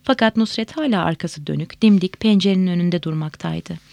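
A woman reading a novel aloud in a measured, expressive way. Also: fairly low pitch, gravelly, no room sound. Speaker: audiobook reader.

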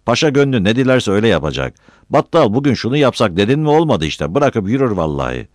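A man's voice: mid-range voice, big pitch swings, fast talker, dry recording, clean studio sound, voice pushed up, close to an everyday voice. A man voicing a blunt, mocking village elder with a drooping mustache.

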